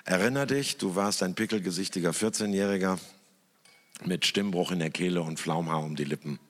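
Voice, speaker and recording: A man who works in church television gives a slow, thoughtful talk on a stage, with lively emphasis and long pauses. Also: deep voice. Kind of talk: reflective talk in front of an audience. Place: stage in a hall. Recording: long hall reverb.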